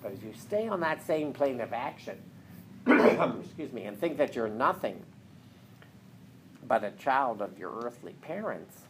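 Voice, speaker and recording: A man gives a spiritual sermon at a very unhurried pace, leaning on repeated phrases and sinking into a near whisper before rising again. His voice sits at an ordinary male pitch. A clear layer of background noise runs under the recording. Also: very animated, low-quality recording. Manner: slow, emphatic, repeats phrases, often drops to a whisper. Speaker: spiritual teacher. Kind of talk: inspirational sermon.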